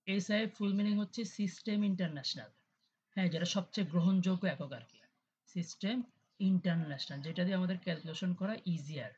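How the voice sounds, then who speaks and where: A chemistry tutor lectures an online class over a video call in a husky, darkish, medium-pitched voice at a fairly quick pace. The delivery is conversational, with frequent check-ins with students and English terms mixed into explanations. The audio is dull and lo-fi, with faint hiss.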